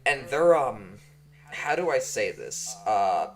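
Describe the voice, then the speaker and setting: A man's voice: lowish voice, big pitch swings, takes it slowly, a crowd in the background. A young man from Germany, a podcast co-host, chatting casually with hesitant, rambling speech and lots of fillers. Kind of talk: casual chat.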